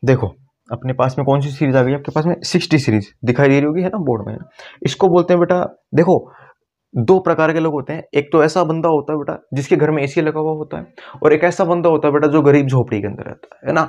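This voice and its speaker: A man teaching chemistry at a board, often slowing down to repeat key words and calling his students "beta". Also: on the high side, a little mellow. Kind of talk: classroom lecture at a board.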